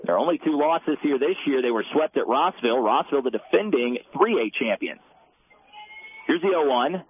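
Man calling softball in a dense radio sound. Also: animated, soft background music. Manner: brisk pitch-by-pitch calling, stat-heavy. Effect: loud dense radio broadcast sound. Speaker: play-by-play radio announcer. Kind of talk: live softball commentary. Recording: narrow tinny radio band, faint hiss.

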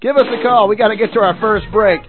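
A man's voice: high voice, fast talker, over music. A man hosting a call-in sports radio show, chatting casually in a folksy, encouraging way and often repeating his phrases. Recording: narrow phone-like radio audio.

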